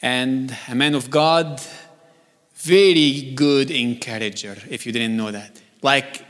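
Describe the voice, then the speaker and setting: A man's voice: medium pitch, takes it slowly, fairly bright tone. A man from Egypt, preaching a sermon as a guest, joking at times and building to emphatic, urgent calls. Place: church sanctuary. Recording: long church reverb.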